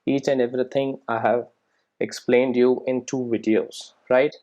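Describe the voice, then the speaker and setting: A man walks through an informal screencast coding tutorial in a mid-pitched, mellow voice with little pitch movement. He explains each step conversationally and often closes a sentence with a quick question to check on the learner.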